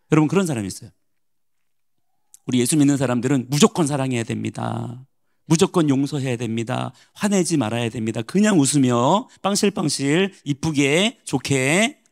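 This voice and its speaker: A male pastor giving a morning sermon, preaching in an animated way and putting questions to the congregation. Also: mid-range voice, gravelly.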